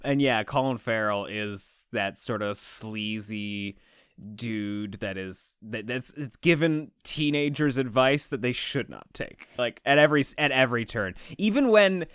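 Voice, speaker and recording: A man co-hosting a podcast, chatting casually with quick asides and frequent restarts. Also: medium pitch, animated, a bit bright, clear, resonant tone, no echo, clean studio sound. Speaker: podcast co-host. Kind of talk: casual chat.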